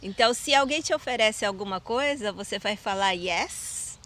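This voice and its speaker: Host: Brazilian woman, Brazilian Portuguese accent, relaxed chat, leads with questions. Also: mid-range voice, moderate pace. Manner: leads the talk by quizzing her guest. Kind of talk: casual chat.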